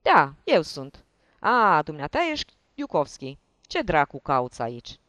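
A narrator voicing a loud, carefree, drunken lieutenant in an audiobook reading. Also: mid-range voice, huge pitch swings, dry recording, clean studio sound. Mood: surprised. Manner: loud, swaggering, urging others to drink.

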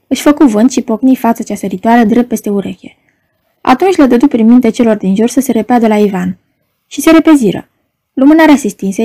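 A woman narrating an audiobook in a measured storytelling manner. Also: mid-range voice, mellow.

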